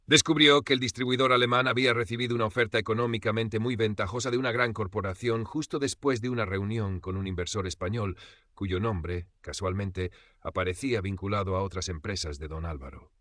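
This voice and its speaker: A man narrating a fiction audiobook in a steady, scripted storytelling manner. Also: fairly low pitch, no room sound.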